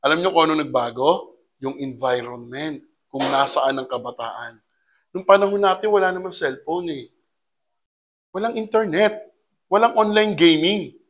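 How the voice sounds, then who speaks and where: A man leads a community orientation, talking to his audience in a lively seminar style. His voice sits high and sounds bright and forceful. He slips English phrases into his talk and keeps putting rhetorical questions to the room. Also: moderate pace, long pauses.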